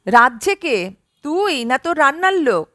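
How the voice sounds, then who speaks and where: A man's voice: very high voice, very animated, unhurried, bright, forceful tone, no echo, studio quality, exaggerated voice. A woman voicing a boisterous, bossy man who gives orders and teases his old friend, in an audiobook story. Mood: teasing. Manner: commanding, teasing.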